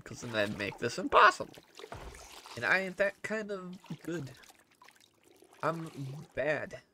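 A man playing a survival game and commenting to himself, muttering, cursing and jumping into loud bursts. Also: mid-range voice, a little hiss or hum. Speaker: gamer. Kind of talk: let's play commentary.

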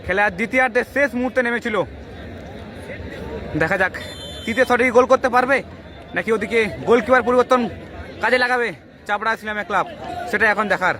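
A man calling a penalty shootout live, in excited, urgent football commentary full of repeated exclamations. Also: extremely high pitch, fast, long pauses. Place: outdoor football ground during a match. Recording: noisy outdoor stadium with loud crowd. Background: loud crowd and noise.

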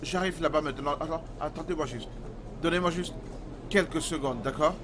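A man dubbing a hot-tempered young man in a film drama who stammers and shouts when angry. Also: on the high side, a little fast, noisy background, natural voice. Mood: polite, anxious.

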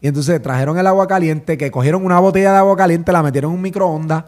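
A hoarse man, a singer, chatting casually on a podcast and telling a story, often asking if he is understood. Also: fairly high pitch, fast, darkish tone. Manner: storytelling, quotes others, says "¿me entiendes?". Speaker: podcast host. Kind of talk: casual chat.

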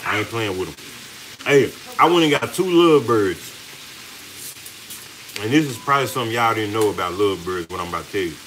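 A man co-hosting a home cooking vlog, telling a story in an animated, laughing way with casual slang. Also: fairly low pitch, fairly quick, pauses often, a little hiss or hum, rough recording. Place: home kitchen with frying food.

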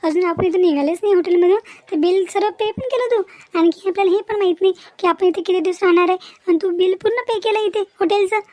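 A woman's voice: extremely high pitch, fast, darkish tone, no echo. A woman voicing a young educated village woman in a cartoon, upset and confronting the boyfriend she ran away with. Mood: accusing. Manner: pleading then demanding, confrontational. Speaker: cartoon character. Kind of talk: Marathi cartoon voice acting.

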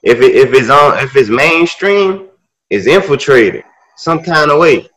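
A man in casual chat on a video call, making calm, brief remarks. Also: medium pitch, a little slow, rough recording.

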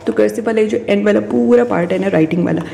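Low gravelly woman explaining a homeschool curriculum, warm mellow voice, bit of hiss behind. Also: quick pace. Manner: mixes Hindi and English, many fillers, demonstrates words aloud. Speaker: homeschooling parent reviewing a curriculum. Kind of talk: casual curriculum walkthrough.

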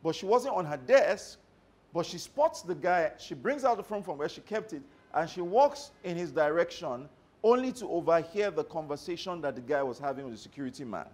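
A male motivational trainer speaking to a roomful of staff, his voice pitched a little high and swinging widely as he tells stories. He keeps stopping to check that his listeners are following him. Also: a little fast. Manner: animated storyteller who checks in with the audience. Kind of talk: live workshop talk to staff.

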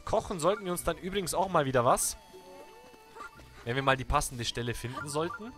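A young man with a German accent, chatting excitedly to viewers while playing a video game. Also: a little high, brisk, over music. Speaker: let's play gamer. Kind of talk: live game commentary.

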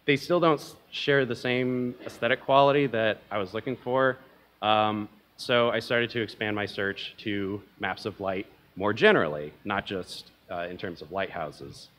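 A young man speaks from a lectern at a conference, his voice sitting a little low. He talks casually and a bit self-deprecatingly, with plenty of ums and uhs as he explains his slides. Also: normal speed, a bit bright. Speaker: conference presenter. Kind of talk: academic conference talk.

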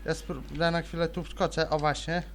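A young man giving casual, rambling let's-play commentary, chattering almost without pause as he plays. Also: a little high, little pitch movement, faint music behind. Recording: faint noise, game sound behind.

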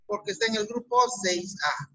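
A man's voice: very high voice, wildly swooping pitch, normal speed, gravelly, sharp tone, poor audio. A man teaching a chemistry class with a Peruvian Spanish accent, asking students questions and repeating their answers. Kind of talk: online class lesson.

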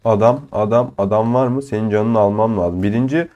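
Excitable young man commentating a shooter game. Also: on the low side, brisk, lo-fi sound. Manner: excitable, swears and jokes at opponents. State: ill with a cold. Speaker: gaming channel host. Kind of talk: live gameplay commentary.

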